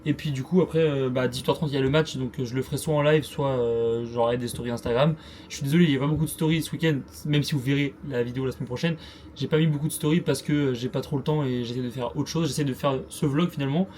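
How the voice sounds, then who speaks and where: A chatty male travel vlogger with a mid-range, slightly mellow voice talks quickly and fairly evenly, loose and slangy, poking fun at himself with lots of fillers. He's mostly outdoors on sunny, busy city streets, with street noise picked up by a small handheld gimbal camera mic.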